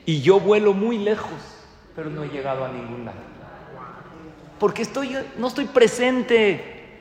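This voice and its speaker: A man's voice: sits high, sing-song, unhurried, a little mellow. A man with a Mexican accent voicing a regretful male airline pilot as he retells a story in a sermon. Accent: Mexican Spanish. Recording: echoey hall with faint noise.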